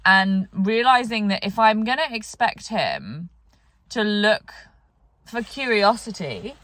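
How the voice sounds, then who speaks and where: A woman's voice: medium pitch, big pitch swings, slow pace, a bit bright. A tired woman thinking aloud in a rambling vlog monologue about horse training, with many fillers and restarts. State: tired, yawning.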